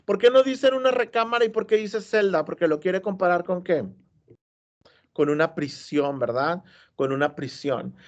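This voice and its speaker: A man's voice: sits high, moderate pace. Male teacher lecturing a class on a story, keeps asking students questions, muffled classroom recording. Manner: explanatory, asks the class check questions. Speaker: high school literature teacher.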